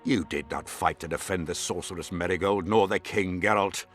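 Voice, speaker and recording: This deep, natural-sounding male voice, at a moderate pace over faint music, brings to life a haughty baron who seeks a throne in a fantasy video game. The performance is dramatic, with imperious, formal wording and a cold, contemptuous mood.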